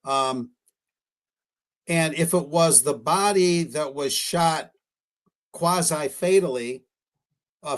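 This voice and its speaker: Male talk-show guest, a touch higher pitched, cautious and speculative, stresses he is being careful. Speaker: guest researcher discussing photos. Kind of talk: live-streamed radio talk.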